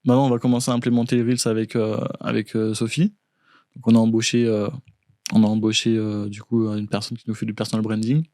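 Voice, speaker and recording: A man's voice: on the low side, little pitch movement, quick pace, dark tone, no room sound. A man co-hosting a podcast in casual chat, upbeat and encouraging, full of tag words. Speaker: podcast co-host. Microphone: studio podcast mic. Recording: dry close podcast studio sound.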